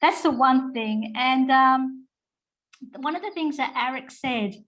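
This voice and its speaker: A woman's voice: high-pitched, takes it slowly, rough recording. A woman from Australia with an Australian accent and a slight English twang, talking informally as a guest speaker with rambling asides. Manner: warm, chatty, with rambling asides and fillers. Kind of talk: informal spoken talk. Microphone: video call.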